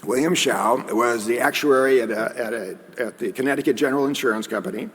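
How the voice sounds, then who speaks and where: A man's voice: mid-range voice, brisk, fairly bright tone, husky. A man giving a conference lecture in a conversational way, with joking asides. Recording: long hall reverb.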